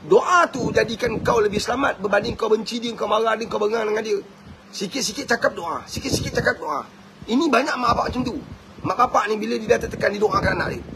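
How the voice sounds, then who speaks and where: A middle-aged man with a Malaysian Malay accent giving an impassioned religious talk on family, acting out prayers and rising to shouts. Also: high voice, background noise. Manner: impassioned preaching, acts out prayers, rises to shouts. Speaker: family motivational speaker.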